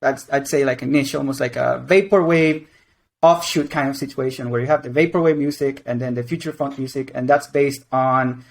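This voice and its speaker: Speaking briskly with a creaky, medium-pitched voice and fairly even intonation, this twenty-something game creative director of Venezuelan and Mexican background rambles through interview answers, restarting often and using lots of fillers.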